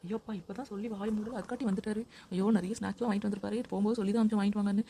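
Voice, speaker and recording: A woman's voice: mid-range voice, fairly even intonation, very fast, noisy background, close to an everyday voice. A woman playing a lazy, scheming young wife who fakes tears in a comedy sketch. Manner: whiny, theatrical.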